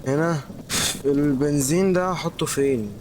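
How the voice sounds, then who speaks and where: A man's voice: on the high side, moderate pace, background noise. A man with an Egyptian Arabic accent giving let's play commentary, jittery and scared and talking to himself. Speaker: gaming YouTuber. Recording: voice over loud game ambience.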